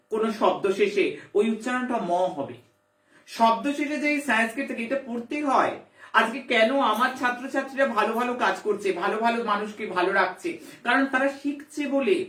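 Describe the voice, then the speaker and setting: A woman's voice: fairly high pitch, brisk, a bit bright, roomy sound, distant mic. A woman spiritual teacher, giving a devotional lesson emphatically, repeating herself and firing rhetorical questions.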